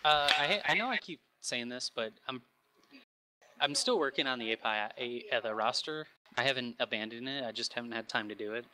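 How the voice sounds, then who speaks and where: A man's voice: medium pitch, a little fast, pushed and bright, low-quality recording. A man in a casual gaming clan voice-chat meeting, speaking hesitantly and apologetically.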